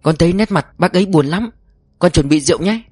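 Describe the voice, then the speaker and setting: A man's voice: high voice, fast talker, darkish tone, no echo, pitched above the performer's own voice. Man doing a cheeky teasing young daughter. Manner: teasing, chirpy. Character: playful cheeky teenage daughter, bright and teasing.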